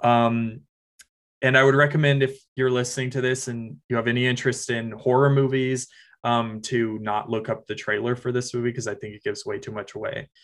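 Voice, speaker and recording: A man co-hosting a podcast as a film critic, earnestly enthusiastic and halting with fillers. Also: mid-range voice, level tone, a bit bright. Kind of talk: casual film review chat.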